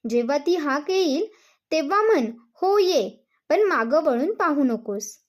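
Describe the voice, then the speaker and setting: A woman voicing a calm old male guru who advises his pupil in a slow, soothing way. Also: sits high. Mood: reassuring.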